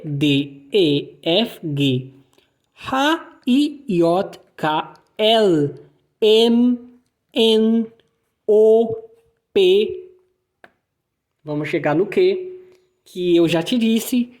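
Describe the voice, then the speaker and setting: A woman's voice: medium pitch, a little mellow. A woman with a Brazilian Portuguese accent teaching a German language lesson, patiently repeating letters and words for practice.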